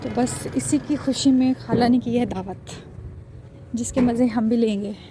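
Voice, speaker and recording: A woman's voice: a little high, steady tone, a little slow, background noise. A young woman, chatting casually to her viewers in a family vlog. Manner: chatty, addresses viewers directly. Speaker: family vlogger.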